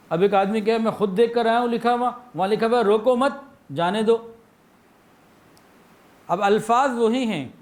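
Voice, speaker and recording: High-voiced man preaching a sermon. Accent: Pakistani Urdu. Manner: illustrates with anecdotes and acted-out phrases.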